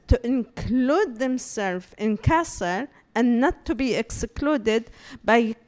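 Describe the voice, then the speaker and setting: A woman from Palestine, an artist giving a public talk, speaking haltingly and searching for words with many fillers. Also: fairly high pitch. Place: talk room before an audience.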